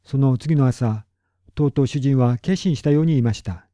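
Dark-voiced man reading a storybook. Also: mid-range voice, normal speed, dry recording, clean studio sound. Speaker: narrator. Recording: dull lo-fi recording.

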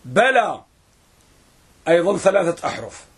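Man, grammar teacher, husky voice, fairly high pitch, repeats terms and stretches words for dictation. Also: very animated, normal speed. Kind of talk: classroom lesson.

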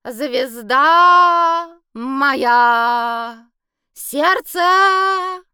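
A woman voicing a tipsy, pompous male elf bard in an audiobook, talking in a high, flowery, theatrical way. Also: lively intonation, moderate pace, a bit bright, smooth, no echo, studio quality, natural voice. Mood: serenading.

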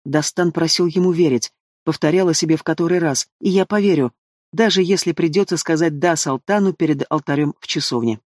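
A man narrating a fantasy novel in the first person with expressive storytelling. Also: a little high, fairly quick, dry recording, studio quality. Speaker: audiobook narrator.

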